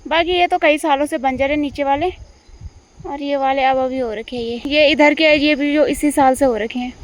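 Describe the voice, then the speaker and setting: A woman's voice: high-pitched, a bit bright. A young woman chatting to viewers in a casual vlog while cutting grass in hill farm fields. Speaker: vlogger.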